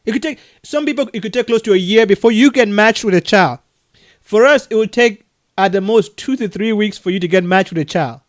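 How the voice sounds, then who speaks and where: Man from Cameroon, Cameroonian accent, high voice, earnest and halting over a video call. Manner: earnest, many restarts and soft laughs. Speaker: adoption agency leader. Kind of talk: casual video call conversation.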